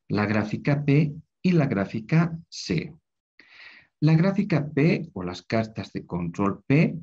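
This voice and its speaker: A man delivers a recorded lecture over a screen, explaining things step by step and often checking in with tag questions. His voice is fairly low and dark, and the lo-fi recording sounds dull.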